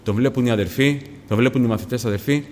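A man preaching a sermon, addressing the congregation as brothers again and again and swinging from hushed tones to loud appeals. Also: mid-range voice, a little hiss or hum. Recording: long hall reverb.

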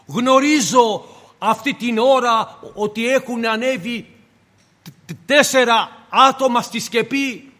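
In a church hall full of long reverb, a high-voiced preacher gives a fervent sermon that sounds pushed and bright. He stacks rhetorical question on rhetorical question. He also voices both the Lord and the believer in turn.

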